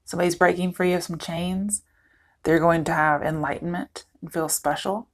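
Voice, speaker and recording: A woman's voice: fairly low pitch, steady tone, normal speed. A woman giving a casual, chatty tarot reading to her viewers, thinking aloud as she goes, her voice cracking at times. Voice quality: voice cracking, throat clearing. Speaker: tarot reader.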